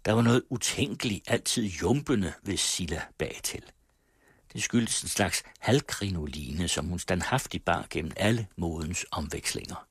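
Deep husky male radio reader. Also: no room sound, clean studio sound. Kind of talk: radio reading of a novel.

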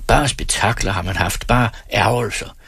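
A man voicing a drunk, boastful, hot-tempered estate steward who talks loudly and haughtily. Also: on the low side, vocal fry, slightly rough, dry recording, studio quality, full character voice. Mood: confiding, self-pitying. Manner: loud and haughty.

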